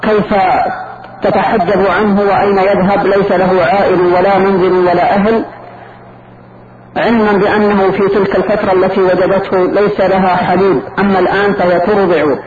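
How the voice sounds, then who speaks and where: A man's voice: high voice, level tone, brisk, echoey room, phone-quality sound, over a noisy crowd. A man reading a listener's written question aloud to the scholar, stumbling over some words.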